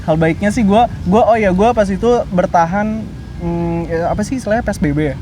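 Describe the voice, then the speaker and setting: A 21-year-old man, being interviewed and chatting casually, pausing often to search for words. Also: sits high, darkish tone, slight background noise. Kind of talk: casual chat.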